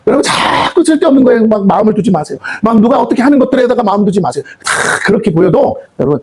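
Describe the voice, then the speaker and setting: A man's voice: high voice, big pitch swings, very fast, breathy edge. A man pastor preaching a fervent sermon in a church, often tossing questions back to the congregation.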